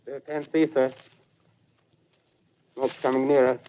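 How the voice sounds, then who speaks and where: An actor playing a struggling artillery soldier who calls out ranges haltingly in a 1930s radio drama. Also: male voice, medium pitch, little pitch movement, lightly acted. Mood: strained. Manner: slow, halting. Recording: tinny noisy 1930s radio recording.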